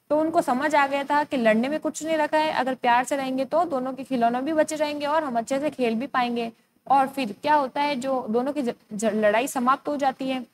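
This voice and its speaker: A woman's voice: sits high, slight background noise. A young woman teacher with an Indian accent, reading a school story aloud and explaining each hard word to young children. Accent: Indian Hindi.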